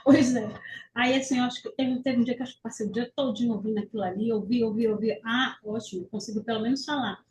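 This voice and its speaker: A woman's voice: fairly high pitch, steady tone, quick pace, a little mellow, a little hiss or hum, poor audio. A woman student talking casually in an online class, hesitant and rambling, with many restarts.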